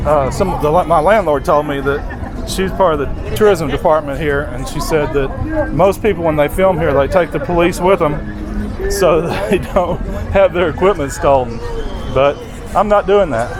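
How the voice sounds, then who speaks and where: A man casually vlogging in English and halting, Spanish. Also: on the high side. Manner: halting, American-accented Spanish. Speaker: travel vlogger. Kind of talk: casual street chat, mixing English and basic Spanish. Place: outdoors on a city street. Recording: noisy busy street, music and crowd behind.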